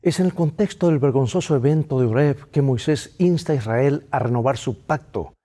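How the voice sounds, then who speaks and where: Pastor with a mellow, measured voice. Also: male voice, medium pitch. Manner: measured, formal reading style. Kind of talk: sermon-like Bible lesson review.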